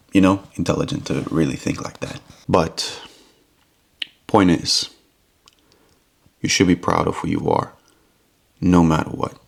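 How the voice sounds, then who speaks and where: A man's voice: low voice, creaky. A man from Romania talking earnestly to the camera in a rambling vlog monologue, often repeating himself. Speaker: YouTube vlogger.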